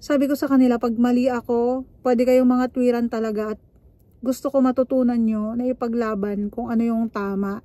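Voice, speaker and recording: A middle-aged woman from the Philippines speaks as a nurse sharing hard-won advice, frank and assertive. Her voice sits a little high but sounds mellow and warm. The recording is dry and close, with no room sound. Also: steady tone, brisk, no room sound. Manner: frank and assertive, mixes English into Filipino. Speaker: nurse vlogger. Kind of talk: casual advice monologue.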